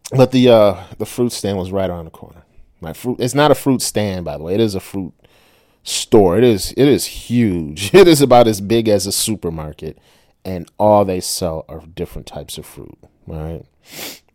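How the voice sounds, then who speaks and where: A man's voice: low voice, moderate pace, darkish tone, dry recording, studio quality. A middle-aged man telling a personal story in a casual, chatty way, often tagging his lines with "right?" and laughing.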